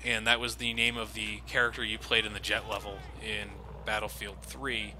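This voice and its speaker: Speaking at a moderate pace in a lowish voice with little pitch movement, this video game commentator offers sarcastic, self-deprecating let's play talk and swears without restraint. Video game gunfire and vehicles rumble behind him as combat noise.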